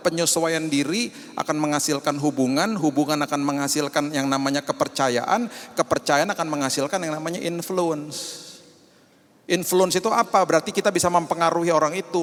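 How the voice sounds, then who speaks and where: A male pastor preaching a sermon in an animated way, shifting between soft and loud delivery and mixing in English phrases. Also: on the high side, long reverb tail. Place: church hall.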